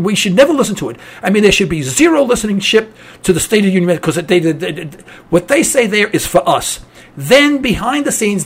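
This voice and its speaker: A radio talk host with a New York accent delivers a cynical political rant on his program, his voice pitched high with a breathy edge.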